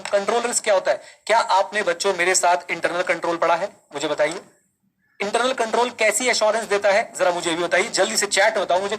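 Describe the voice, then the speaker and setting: Male online tutor, slow and deliberate, repeats points, quizzes students. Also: high-pitched, fairly bright tone, a little hiss or hum, poor audio. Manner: mixes Hindi and English, calls students kids. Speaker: teacher. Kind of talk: live online exam-prep class.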